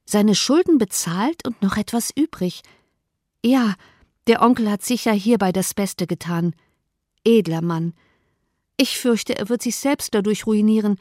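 A woman voicing a quick-witted young woman in an audiobook, pressing and earnest. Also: mid-range voice, a little mellow, no echo, clean studio sound, natural voice. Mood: urgent. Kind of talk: audiobook reading.

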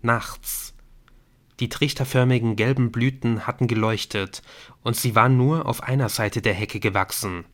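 Male audiobook narrator, steady storytelling, mid pitch. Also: normal speed. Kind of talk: scripted narration.

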